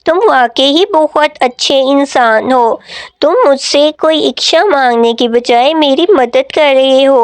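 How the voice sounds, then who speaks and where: A woman voicing a gentle, polite young fairy in a cartoon story, speaking in an earnest, pleading way. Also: high voice, no echo. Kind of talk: Hindi cartoon story dubbing.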